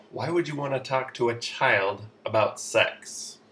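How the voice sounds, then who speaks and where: A man's voice: medium pitch, unhurried, sharp tone, distant mic. A man giving sarcastic, mock-authoritative parenting advice in a comedy vlog. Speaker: comedy vlogger. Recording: roomy echo, off-mic, faint noise.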